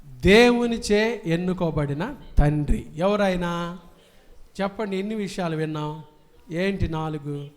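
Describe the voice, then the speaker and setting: A male pastor preaching a sermon, calling out questions for the congregation to answer aloud and swinging between loud proclamations and soft asides. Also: high-pitched, a little slow, long pauses.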